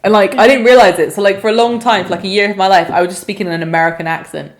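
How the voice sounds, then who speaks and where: A woman's voice: medium pitch, steady tone, rapid-fire. A young English woman co-hosting a casual podcast, rambling and self-deprecating, swearing now and then. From England. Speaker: podcast co-host. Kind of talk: casual chat.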